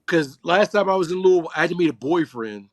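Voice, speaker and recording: A middle-aged man on a sports podcast roundtable, telling animated, profane stories in casual banter. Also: fairly high pitch, fast. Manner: animated storyteller, swears freely. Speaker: roundtable panelist.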